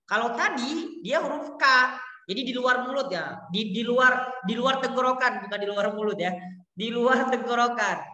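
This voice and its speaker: A woman's voice: on the high side, normal speed, sharp tone. A woman teaching Arabic pronunciation to children in a class, patiently drilling words and encouraging each pupil with short Arabic praise. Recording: echoey room with long reverb.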